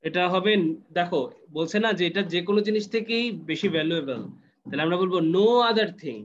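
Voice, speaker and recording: A man's voice: sits high, brisk, lo-fi sound, slight background noise. A man teaching an English class online, patiently explaining step by step and checking that students follow.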